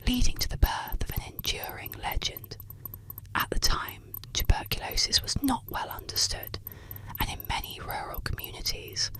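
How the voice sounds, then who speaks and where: Woman whispering close in ASMR storytelling. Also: poor audio. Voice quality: soft unvoiced whisper. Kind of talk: whispered ASMR narration of eerie legends. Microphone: close ASMR microphone.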